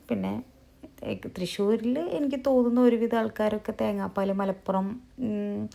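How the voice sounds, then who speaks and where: A woman narrating her cooking vlog in a soft, low-volume voice-over, chatty and rambling, often correcting herself. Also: gravelly. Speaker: cooking vlogger. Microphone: recorded in a closed room.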